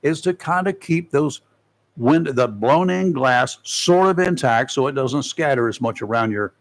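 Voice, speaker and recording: A local radio host in his studio reads a segment of safety tips with folksy humor mixed in. His voice is mid-range and animated, and he keeps to a measured pace in this casual talk.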